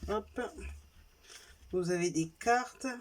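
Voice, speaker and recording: A woman with a French accent and a lowish voice speaks very slowly as she shows her craft purchases one at a time. It's a casual, chatty show-and-tell haul from a craft vlogger, and she corrects herself frequently.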